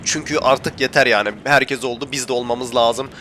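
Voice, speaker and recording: A man's voice: medium pitch, fairly even intonation, moderate pace, sharp tone, slight background noise. A young man commentating his gameplay for viewers, chatty and often complaining that he is getting annoyed. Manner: grumbling, gets worked up and complains to viewers. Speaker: gaming YouTuber.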